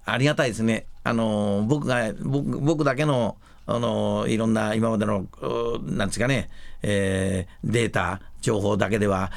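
A man hosting a show, chatting casually and retelling stories in an animated way with many fillers. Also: on the low side, vocal fry, no echo. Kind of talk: casual storytelling.

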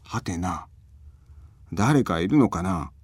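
A man's voice: deep voice, expressive, slow pace, a little mellow, husky, no room sound, pitched below the performer's own voice, full character voice. A man voicing a kindhearted male shape-shifting trickster in a folk tale, grumbling to himself and calling out cheerfully. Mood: curious. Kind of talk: storybook reading.

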